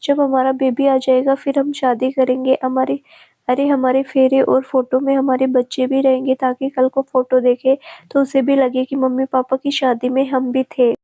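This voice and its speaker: A woman's voice: high voice, completely flat delivery, normal speed, dark tone, no room sound. A woman reading the lines of a doting, playful young man who runs a company, in a romance story. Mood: coaxing. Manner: coaxing, affectionate. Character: young male CEO, doting and playful fiancé.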